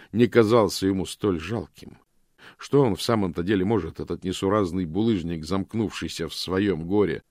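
Male narrator, very low voice, dry close sound, measured storytelling. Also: a little mellow, dry recording. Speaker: audiobook narrator. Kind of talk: scripted narration.

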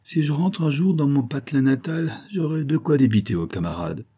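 A man's voice: fairly high pitch, expressive, brisk, dark tone, slightly rough, voice pushed up. A man doing a wry, plain-spoken companion. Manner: casual, wry. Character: plain-spoken American male companion, jokey.

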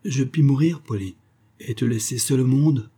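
A man's voice: mid-range voice, normal speed, mellow, breathy edge, voice pushed up, natural voice. A man voicing a frail, pleading father. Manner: pleading, tender. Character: gentle, worried widowed father, frail.

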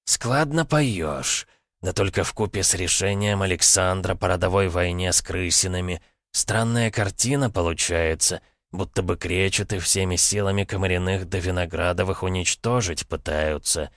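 A man's voice: low-pitched, normal speed, a bit bright, dry recording, studio quality. A man voicing a sardonic male spirit who mocks his friend, in an audiobook. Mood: indignant. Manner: sarcastic, drawling.

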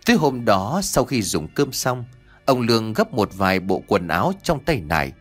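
Man, audio-story narration, expressive, animated pitch, faint background music. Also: moderate pace.

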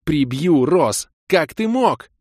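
A man's voice: a little high, big pitch swings, dry recording, studio quality, pitched above the performer's own voice. A man reading an audiobook voices a hot-tempered young woman who scolds her boyfriend, then teases him. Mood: indignant. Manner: indignant, scolding, quick to forgive. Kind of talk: audiobook character voice.

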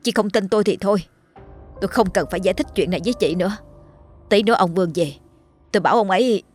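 A woman voicing a young second wife who speaks calmly but firmly and cuttingly. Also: medium pitch, quick pace, faint music behind, close to an everyday voice. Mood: cold. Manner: calm but firm, cutting. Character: young, firm second wife, protective mother.

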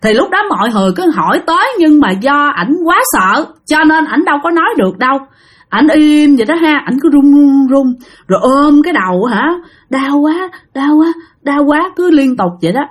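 With a high voice that runs a little fast, this woman, accented from Southern Vietnam, relates a ghost story to her listeners in a vivid, theatrical way.

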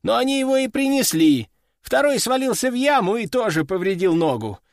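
A man doing a higher-voiced reporting army major. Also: big pitch swings, brisk, no room sound, clean studio sound, exaggerated voice. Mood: reporting, sheepish. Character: nervous, shrugging middle-aged army major.

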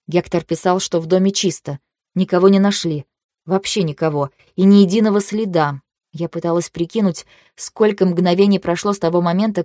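A woman narrating a fantasy audiobook in the first person, with a measured, even storytelling manner. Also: on the low side, no room sound, clean studio sound.

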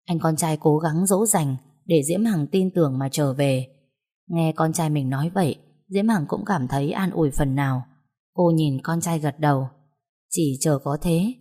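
Brief: woman narrator, low and mellow, measured storybook reading.

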